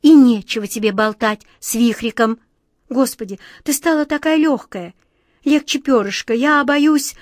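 Woman voicing an anxious gentle girl. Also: a little high, moderate pace, no room sound, studio quality, pitched above the performer's own voice, lightly acted. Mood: worried. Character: gentle golden-haired young girl, anxious.

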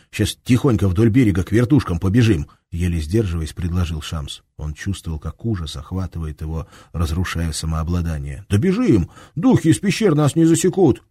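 A man narrating a war story in a measured, tense tone. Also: sits low, warm tone, breathy edge, no echo, studio quality. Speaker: audiobook narrator. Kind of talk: scripted narration.

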